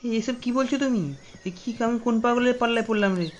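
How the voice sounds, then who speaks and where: A man's voice: very high voice, steady tone, fast talker. A man voicing an indignant young woman. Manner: sharp and indignant. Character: angry young woman fending off a stranger.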